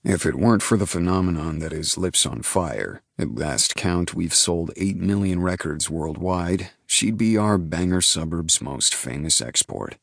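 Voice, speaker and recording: Very deep gravelly man narrating. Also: lively intonation, measured pace, hardly any pauses, fairly bright tone, dry recording, studio quality. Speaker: audiobook narrator. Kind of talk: first-person scripted narration.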